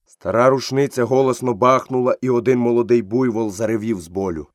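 A man narrating a storybook in an even storytelling manner. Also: mid-range voice, fairly quick, no room sound, clean studio sound.

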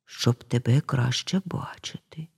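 Lady doing a sneaky storybook wolf, low hushed voice, dark and slow. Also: gravelly, husky, big-room sound, heavily acted. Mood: sly. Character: sly big bad male wolf posing as granny.

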